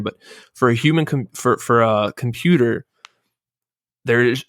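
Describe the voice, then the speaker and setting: A man in a casual podcast conversation lays out his point step by step at a middling pitch. The sound is dry and close to the mic. He keeps tagging his sentences with "right?" to check that his listener follows. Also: no room sound. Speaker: podcast host. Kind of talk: casual discussion.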